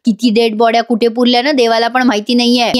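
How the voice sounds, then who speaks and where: Sinister scheming man, smooth and reassuring, higher pitch since a woman reads him. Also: level tone, fast talker, close to an everyday voice. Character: scheming villainous middle-aged man.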